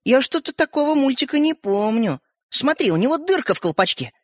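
A man's voice: very high-pitched, big pitch swings, brisk, no echo, clean studio sound, voice pushed up, full character voice. A man voicing a sensible, cautious young boy in a storybook reading, doubtful and fretful. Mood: worried.

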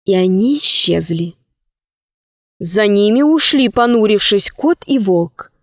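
A woman reading a children's fairy tale aloud in a slow, expressive way. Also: mid-range voice, dry recording, studio quality. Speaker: narrator.

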